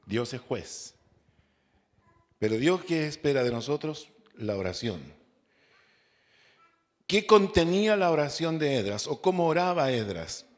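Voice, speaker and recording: A man's voice: fairly high pitch, sing-song. A man with a Chilean accent, a pastor preaching a Bible study sermon, repeating key words and asking the congregation rhetorical questions. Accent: Chilean Spanish. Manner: slow, drawn-out preaching with rhetorical questions and repetition.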